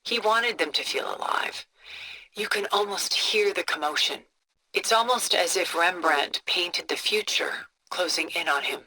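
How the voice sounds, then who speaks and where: An actress playing a cultured, composed older woman who collects art, with a refined, measured, contemplative delivery for a video game. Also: on the low side, lively intonation, heavily acted, rough recording. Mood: reflective, admiring. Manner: refined, measured, contemplative, soft breathy phrase endings. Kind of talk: video game character dialogue, museum-guide storytelling.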